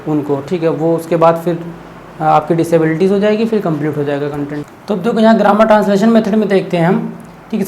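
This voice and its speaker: A man teaching an exam-prep class at a brisk, rapid clip. His voice sits high for a man. He keeps the lesson casual, answers his own questions and checks in with a steady "okay?". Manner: explains by asking himself questions, keeps adding "okay?"; relaxed, conversational teaching tone.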